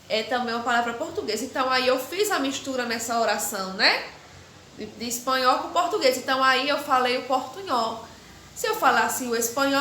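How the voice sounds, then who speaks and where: A middle-aged woman teaching a recorded class, explaining slowly and often checking understanding with a quick question. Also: high voice, pushed and bright, roomy sound, slight background noise. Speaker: Spanish teacher.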